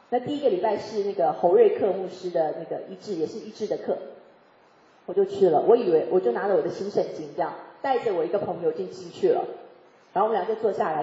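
Woman, church testimony, quick, lively, laughs often; warm mellow tone, echoey hall, dull recording. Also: mid-range voice. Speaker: church member giving testimony. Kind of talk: personal faith testimony.

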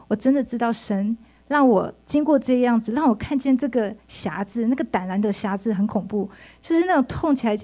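Woman, middle-aged, fairly high voice, earnest faith testimony, halting restarts. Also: a little mellow. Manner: earnest, emotional, frequent restarts. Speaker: church member giving testimony.

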